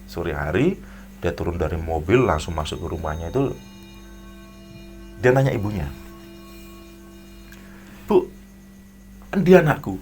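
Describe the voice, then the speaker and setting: A man, a guest in an interview telling a story in a rambling, animated way and acting out the people in it. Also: low voice, normal speed, pauses often. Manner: rambling, animated retelling with acted quotes. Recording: clear background music.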